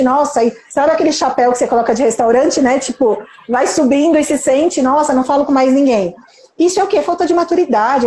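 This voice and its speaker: A woman's voice: high voice, warm tone, reverberant. A Brazilian Portuguese-accented woman, a nurse manager and mentor, giving an emphatic motivational talk on a live stream, full of rhetorical questions and acted-out quotes.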